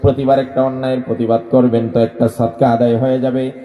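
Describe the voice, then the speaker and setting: A man preaching a sermon to a large gathering, questioning the crowd and leading them in loud chants, swinging from low talk to shouting. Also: level tone, quick pace, echoey room, dull audio.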